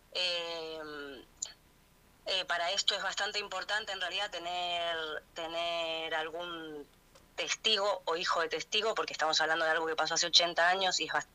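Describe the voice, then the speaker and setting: A woman's voice: low voice, sharp tone. A Madrid-born woman anthropologist with a Rioplatense accent, answering interview questions hesitantly with many restarts. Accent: Rioplatense Spanish. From Spain. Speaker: anthropologist guest. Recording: radio interview over phone line.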